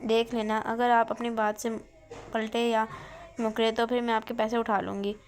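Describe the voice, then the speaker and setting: Stubborn teen girl, eager and wheedling, flat level reading, voiced by a woman narrator. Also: a little high, normal speed, close to an everyday voice. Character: stubborn teenage girl student, playful.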